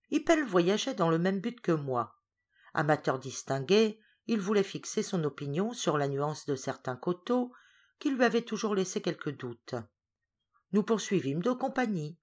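A woman reading a classic story aloud as an audiobook, with expressive, varied storytelling. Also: fairly low pitch. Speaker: audiobook reader. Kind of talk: literary audiobook narration.

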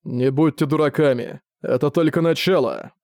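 A man's voice: fairly high pitch, moderate pace, vocal fry, darkish tone, no echo, clean studio sound. A man voicing a fierce, warlike adult king who roars commanding rally cries at his troops, in an audiobook. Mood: scornful.

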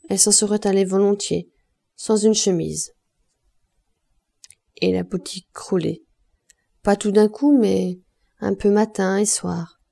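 A woman reading a classic novel aloud as an audiobook narrator, measured and expressive. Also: mid-range voice, creaky. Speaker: audiobook reader.

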